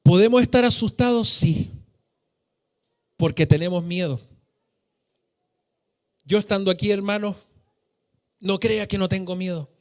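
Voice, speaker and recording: A man's voice: high-pitched, unhurried, long pauses. A Chilean man preaching a sermon in a church, fervent and emphatic, stretching out key phrases with sung cadences. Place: church hall.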